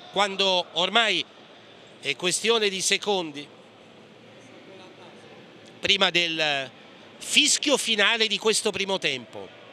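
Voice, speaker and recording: A man with a fairly high, sharp-toned voice does live play-by-play of a futsal match, clipped and hesitant, naming players pass after pass. The recording carries clear gym ambience, indoor sports hall sounds and a bouncing ball.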